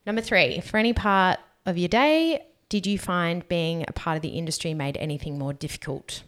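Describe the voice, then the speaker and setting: This is a young woman with a notably low voice. She chats on a podcast in an easygoing, reflective way, reading out questions and talking about staying grounded. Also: moderate pace. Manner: relaxed, reads out questions, talks about energies. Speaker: podcast co-host. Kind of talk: casual podcast chat.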